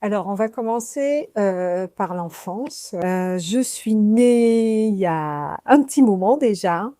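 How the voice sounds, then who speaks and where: A woman in her forties from French Guiana, hosting a podcast and sharing a personal faith testimony in a slow, reflective, earnest way. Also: medium pitch, expressive, dark tone, smooth, dry recording, clean studio sound. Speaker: podcast host.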